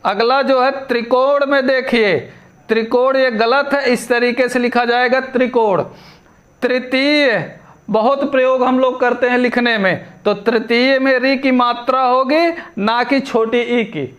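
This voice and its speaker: A man teaching a spelling lesson for exam prep. He asks quiz questions, answers them himself, and repeats each word deliberately. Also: very high voice, steady tone, a bit bright. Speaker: Hindi grammar teacher.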